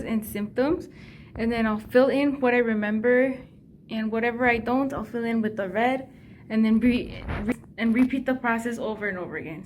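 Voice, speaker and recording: A woman's voice: on the high side, a little mellow, slight background noise. A woman dental hygiene student chatting casually to her viewers in a vlog, talking straight to the camera about her week. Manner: chatty, addresses viewers directly.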